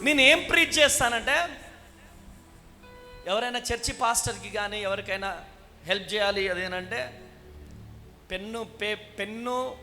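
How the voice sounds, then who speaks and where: A middle-aged woman pastor delivers a fervent revival sermon, pressing her congregation to clap and cry amen. Her voice is bright and forceful. It rings through a reverberant church hall over faint background music. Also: mid-range voice, unhurried, pauses often.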